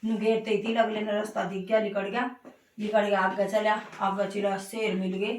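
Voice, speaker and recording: A woman's voice: medium pitch, brisk. Haryanvi woman telling a folk tale. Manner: lively, repetitive oral storytelling. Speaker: storyteller. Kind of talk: folk fast story narration. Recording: echoey, distant, noisy room.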